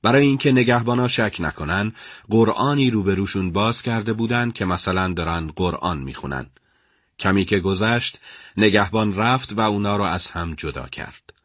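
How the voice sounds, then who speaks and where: A man telling a scripted story in a steady, measured way. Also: fairly low pitch, dry recording, clean studio sound. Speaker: narrator. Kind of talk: scripted radio story narration.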